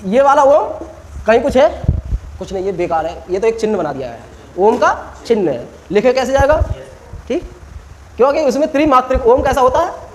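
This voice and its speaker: Very high-voiced male teacher. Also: sing-song, normal speed, pauses often, a little hiss or hum, rough recording. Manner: quizzing students, stretching vowels to demonstrate. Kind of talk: classroom Hindi grammar lesson.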